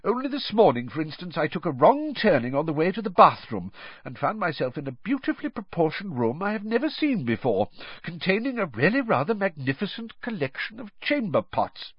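A man's voice: high-pitched, big pitch swings, brisk, breathy edge, no room sound, highs cut off, voice pushed up, full character voice. A man voicing a genial old male wizard headmaster who talks in an amiable, playful, rambling way.

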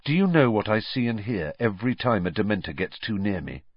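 A man's voice: fairly low pitch, very animated, a little fast, breathy edge, dry recording, lo-fi sound, voice pushed up. A man voicing a brooding, haunted teenage boy who speaks tightly and intensely.

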